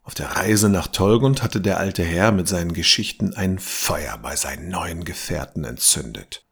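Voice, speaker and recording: A man narrating a fantasy audiobook in a measured storytelling voice that sometimes drops to a whisper. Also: low-pitched, gravelly, husky.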